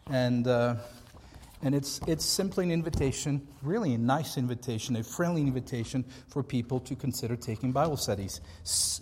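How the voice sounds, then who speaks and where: A man's voice: medium pitch, darkish tone, a little hiss or hum. An American man, a pastor giving an informal training talk, conversational and given to repeating points for emphasis. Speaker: pastor, seminar speaker. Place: large hall, speaking to a group. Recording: echoey hall with long reverb.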